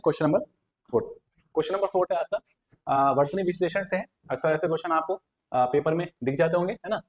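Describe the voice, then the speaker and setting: A man teaching an exam prep lesson, explaining each answer step by step and often checking back with the listener. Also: on the high side. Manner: explains step by step with repeated fillers.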